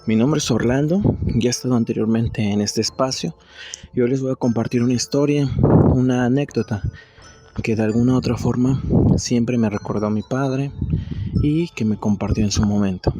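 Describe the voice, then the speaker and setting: A man's voice: mid-range voice, moderate pace, warm tone. A man sharing a family anecdote with a formal, polite storytelling manner. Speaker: story contributor. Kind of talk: narrated anecdote.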